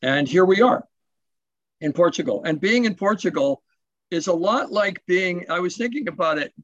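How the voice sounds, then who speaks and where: A man's voice: high voice, animated, normal speed, no echo, dull audio. A man from Canada's west coast giving a rambling, self-deprecating talk at a recovery event over a video call, full of fillers and restarts. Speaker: guest speaker at a recovery symposium. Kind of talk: casual personal share over video call. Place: home in Portugal, late at night.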